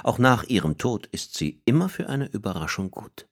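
A man reading an audiobook in measured, expressive scripted narration. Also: lowish voice.

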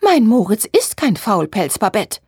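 A moaning seamstress in a storybook, voiced by a woman reader. She talks high and plaintive, always feeling put upon. The sound is dry and close. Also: very animated, normal speed, darkish tone, husky, dry recording, full character voice. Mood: indignant. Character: shrill complaining woman seamstress, doting mother. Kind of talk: audiobook reading.

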